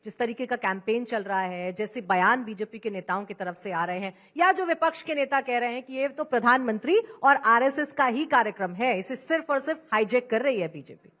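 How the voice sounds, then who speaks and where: A woman's voice: a little high, expressive, brisk, few pauses, a bit bright. A woman interviewer asking a politician direct, pointed questions.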